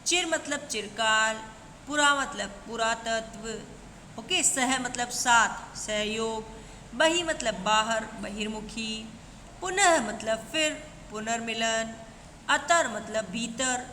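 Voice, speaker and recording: Slow, patient woman teacher in an echoey room. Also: on the high side, bright, forceful tone. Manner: slow, listing examples one by one, calls students "beta". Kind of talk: classroom grammar lesson. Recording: echoey room with long reverb, faint noise.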